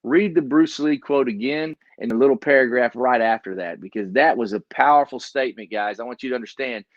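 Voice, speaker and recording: A man's voice: mid-range voice, fairly quick, no room sound. A man with a Texan accent, a business coach giving folksy, emphatic motivational talk on a video call. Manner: folksy, emphatic, repeats key phrases. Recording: dull, dry sound.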